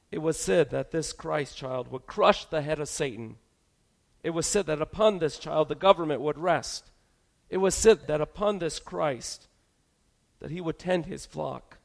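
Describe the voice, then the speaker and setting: A man's voice: a little high, creaky. A man preaching a sermon in an earnest, dramatic manner. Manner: earnest, dramatic, building intensity.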